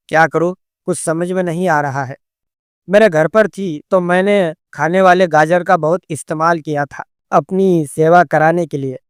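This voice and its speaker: Guy narrating a hindi story, high smooth voice, dry close sound. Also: no echo. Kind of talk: scripted first-person story narration.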